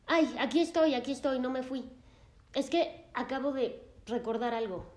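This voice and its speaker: A woman voicing a distraught grown man, an anxious therapy patient who talks in a halting, self-blaming way. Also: a little high, dark tone, roomy sound, lightly acted. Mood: distressed.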